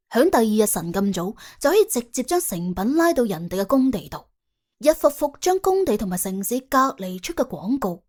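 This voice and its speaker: A woman with a Cantonese accent narrates an audiobook dramatically, in a wry, colloquial, exclamatory style of scripted storytelling. Her voice sits at medium pitch with a darkish tone.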